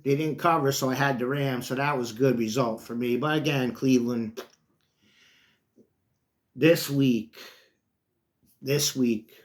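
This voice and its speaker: Folksy, rambling middle-aged man. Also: mid-range voice. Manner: chatty, folksy, drifts between topics, often calls listeners folks. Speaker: host of his own sports talk channel. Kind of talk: casual rambling monologue.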